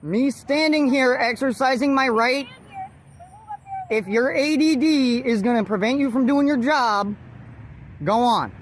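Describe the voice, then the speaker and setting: Filming police at a roadside traffic stop on a handheld phone, a woman first amendment auditor defiantly lectures the officers about her rights, slipping in forced laughs. Her voice is high, measured, and broken by long pauses, with faint traffic noise outdoors in this confrontational street recording.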